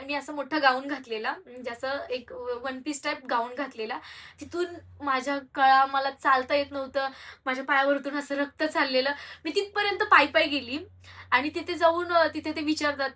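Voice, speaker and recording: Young woman vlogger, candid and rambling, bright tone, distant mic. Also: high-pitched. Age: young adult. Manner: candid, rambling, with frequent hesitations and restarts. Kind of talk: personal storytelling to viewers.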